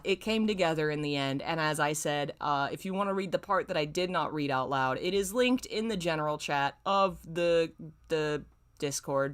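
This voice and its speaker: Low and smooth, this woman's voice carries a casual livestream where she reads from fan fiction she wrote long ago. Her manner is self-mocking and theatrically exasperated.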